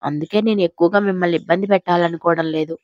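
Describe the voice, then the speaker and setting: Woman voicing a gentle, self-sacrificing young wife. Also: on the low side, steady tone, very fast, dry recording, lo-fi sound, lightly acted. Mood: pleading. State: slightly hoarse throat.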